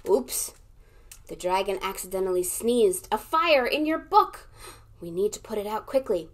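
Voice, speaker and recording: A young woman as a children's librarian leading a storytime read-aloud. She is animated, gasps for effect and keeps inviting the listener to join in. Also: medium pitch, moderate pace.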